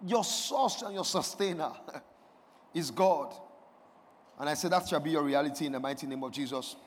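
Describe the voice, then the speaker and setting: A man's voice: fairly high pitch, normal speed. A man preaching a sermon to a congregation, leading call-and-response and swelling into emphatic declarations. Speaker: pastor. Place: church sanctuary. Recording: long reverb of a large hall.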